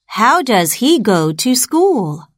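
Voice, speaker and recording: A woman reading textbook dialogue answers for a listening test, slowly and carefully enunciated for learners. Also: fairly high pitch, big pitch swings, no room sound, clean studio sound.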